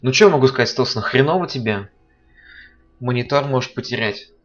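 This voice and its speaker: A man's voice: mid-range voice, expressive, brisk, fairly bright tone, lo-fi sound. A man giving live commentary on a fighting game stream, as a stream commentator. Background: game music and sound.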